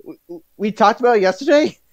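A man's voice: sits high, expressive, brisk, no echo, highs cut off. A man playing in a tabletop game, hesitant and chuckling as he talks, often restarting his sentences. The recording is dry, with no room sound around him. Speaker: player. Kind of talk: in-character tabletop play.

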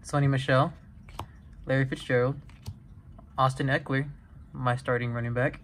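A young man casually vlogging a card break, reading out player names and getting excited over good pulls. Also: mid-range voice, moderate pace, slight background noise. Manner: excitable, chatty, reads player names off cards one by one. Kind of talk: casual card-opening vlog.

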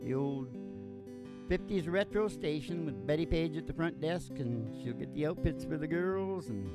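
Fairly high-pitched and expressive, this man in his sixties talks at a normal pace as he hosts with rambling, theatrical, folksy comic radio banter. A host and country singer, he stands at a stand microphone on a small curtained stage indoors, recorded live with acoustic guitar in the background.

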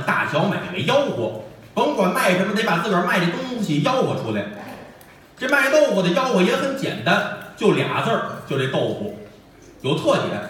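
A man with a Beijing accent telling a comic story on stage in a lively, punchy crosstalk style. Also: high-pitched, a little hiss or hum. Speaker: comedian. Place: theater stage. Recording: echoey stage audio from far off.

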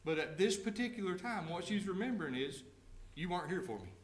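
A man delivering a sermon in a church sanctuary, his fairly high voice ringing off the walls of a reverberant room. He reads scripture at a slow, measured pace, then retells it in plain everyday words and puts direct questions to the congregation. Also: animated. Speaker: pastor.

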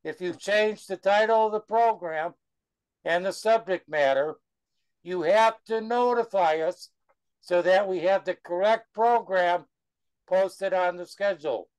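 Firm guy reading out rules, high smooth voice. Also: unhurried, a little mellow. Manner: firm, instructive. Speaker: club organizer. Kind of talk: announcements.

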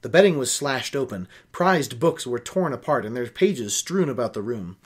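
With a husky, mid-range voice that is expressive and set at a normal speed, a young man hosts a book-reading show from his small home office. He reads a novel aloud and breaks away to pick at details and give his opinions.

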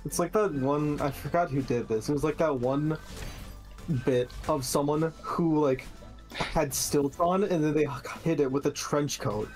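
A man's voice: on the high side, measured pace, darkish tone, rough recording. A man co-hosting a game stream, chatting casually, swearing and telling funny stories. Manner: laughing, swearing, storytelling. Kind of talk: casual gaming chat. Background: faint game music.

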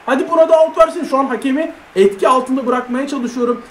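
High-voiced excitable young gaming man. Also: fast, reverberant, slight background noise. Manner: excitable, shouts at big plays, chats to viewers. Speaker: mobile football gamer. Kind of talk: live gameplay commentary.

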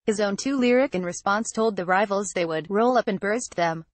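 A woman reading a news article aloud as scripted narration, in an even, flat delivery. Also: mid-range voice, normal speed, no echo. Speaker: news reader.

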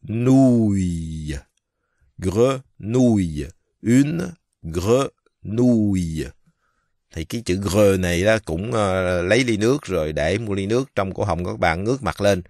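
A man from Vietnam giving a casual pronunciation lesson, speaking slowly and haltingly with many fillers and drawing out the example words. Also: deep voice, no echo, clean studio sound. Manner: slow, halting, many fillers, repeats French words drawn out. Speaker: French teacher.

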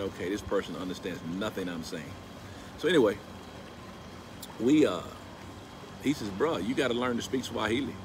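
A middle-aged man with a medium-pitched voice tells a story to his phone, held at arm's length, while standing outside by a pool at a house. He is animated and shifts into emphatic preaching when quoting scripture, and steady background noise runs under the outdoor recording.

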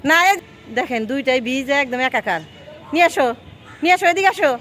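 Chatter can be heard behind this woman as she films a vlog by the water, casually coaxing a child with questions and gentle instructions. She talks fast in a high, expressive voice.

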